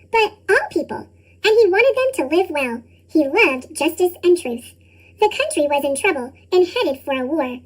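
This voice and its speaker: Storybook narrator, extremely high squeaky cartoon voice, pitched up with a chipmunk effect. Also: low-quality recording. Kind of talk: scripted children's storybook narration.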